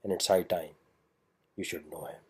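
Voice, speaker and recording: Defiant low-voiced man narrating. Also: fairly even intonation, very slow, breathy edge. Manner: defiant and provocative. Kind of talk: scripted voice-over narration.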